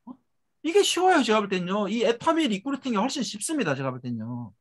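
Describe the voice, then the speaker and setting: With wildly swooping pitch and a fast delivery, a middle-aged man lectures at a motivational seminar for a network marketing business. His emphatic talk is full of rhetorical questions, and his tag phrases trail off soft and low.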